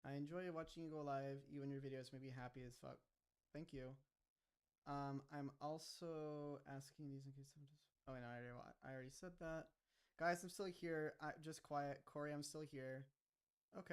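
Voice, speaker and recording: A man's voice: medium pitch, smooth. A young man streaming live, chatting casually about his own series and rambling with lots of "like" and "kinda". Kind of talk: casual livestream chat.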